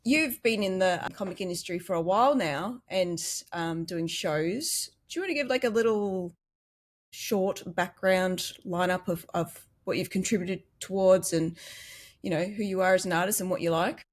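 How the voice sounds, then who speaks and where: A woman's voice: on the low side, normal speed. A woman with an Australian accent hosting a casual interview, chatty, laughing easily and using plenty of fillers. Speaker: podcast host.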